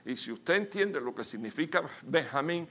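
A male pastor preaching a sermon with emphatic, sudden loud bursts, calling his listeners brother. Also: fairly high pitch, expressive, normal speed.

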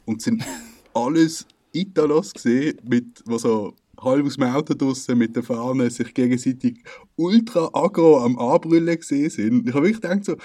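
Mellow-voiced Swiss German young man. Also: medium pitch, moderate pace. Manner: animated, slangy storytelling with laughs. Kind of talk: casual chat.

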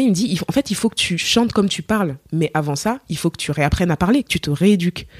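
A woman's voice: sits low, darkish tone, dry recording, studio quality. A woman from Cameroon, a singer, telling her story in a casual interview and acting out the voices she quotes. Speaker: singer, podcast guest.

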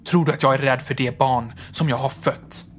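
A man reading aloud and voicing a grieving old woman, feverish and desperate, in a shrill, excited manner. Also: soft background music, natural voice. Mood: urgent. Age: older.

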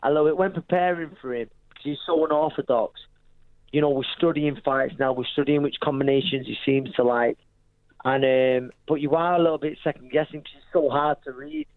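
Over a thin, narrow phone line comes a dry, mid-pitched man with a Manchester accent. He talks informally and matily, as a boxer being interviewed on radio. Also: animated, fairly quick, no room sound. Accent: Manchester, English. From Manchester, England. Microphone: phone call.

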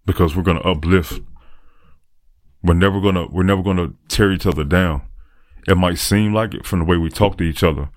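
A man's voice: low-pitched, fairly quick, dry recording, clean studio sound. A man talking through a reflective, earnest podcast monologue, repeating phrases for emphasis. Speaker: podcaster and aspiring motivational speaker.

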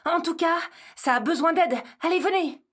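A woman's voice: very high voice, normal speed, fairly bright tone, voice pushed up. Lana, a woman as an eager young girl. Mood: urgent. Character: brave curious young girl.

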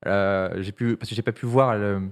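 A man's voice: fairly low pitch, fairly even intonation, moderate pace, clean tone. A man talking about his film in casual chat, hesitant and full of restarts. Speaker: filmmaker guest.

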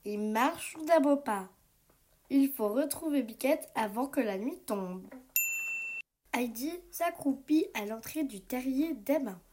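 A woman reading a children's picture book aloud, telling the story slowly and gently. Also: high-pitched, lively intonation, slight background noise.

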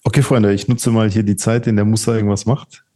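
A man co-hosting a podcast, chatting in relaxed, slangy banter. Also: lowish voice, fairly quick. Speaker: podcast co-host. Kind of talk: casual podcast chat.

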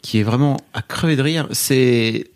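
A man talks casually as a podcast co-host, his voice sitting at an ordinary middle pitch. He is enthusiastic but halting, stacking fillers and restarting his sentences as he goes. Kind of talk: casual chat.

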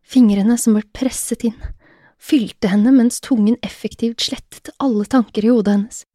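A woman narrating an erotic audio story in a soft, often whispered voice, recorded on a close mic. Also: on the high side, steady tone, no room sound.

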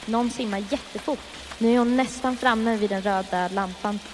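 A woman improvising a horror story, narrating scenes in a steady, descriptive way. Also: fairly high pitch, in a large hall, background noise.

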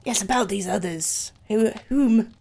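Gravelly woman playing a tabletop character. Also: medium pitch, measured pace, dark tone. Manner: rambling, hesitant in-character talk. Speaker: player.

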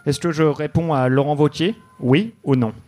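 A man telling a deadpan, mock-noir detective story live on a comedy club stage. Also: fairly high pitch, normal speed, soft background music. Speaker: comedy podcast host.

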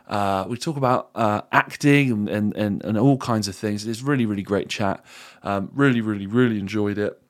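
A British man talking casually and conversationally as a podcast host. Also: fairly low pitch.

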